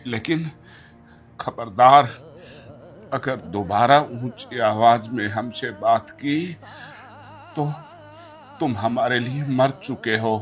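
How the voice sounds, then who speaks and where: A man playing a grave, slow elderly father-in-law. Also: mid-range voice, faint music behind, natural voice. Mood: stern. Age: older. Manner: slow, grave pleading that erupts into shouting. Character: stern elderly father-in-law, wounded pride. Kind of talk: amateur family drama.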